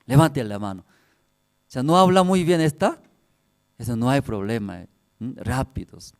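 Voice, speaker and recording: A man's voice: mid-range voice, animated, a little slow. A man preaching a sermon, telling personal stories in simple, broken Spanish with frequent laughter. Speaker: pastor.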